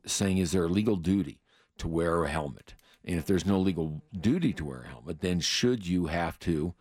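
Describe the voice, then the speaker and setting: Very deep halting radio co-host. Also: male voice, dry recording, studio quality. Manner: halting, many restarts and fillers when explaining. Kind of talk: talk radio legal explanation.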